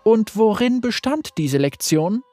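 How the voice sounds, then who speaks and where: A husky-voiced narrator playing a stern veiled female spirit who judges and punishes, speaking in a cold, piercing way. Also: mid-range voice, expressive, unhurried, darkish tone, faint music behind, voice pushed up. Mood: probing. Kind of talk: read-aloud storytelling.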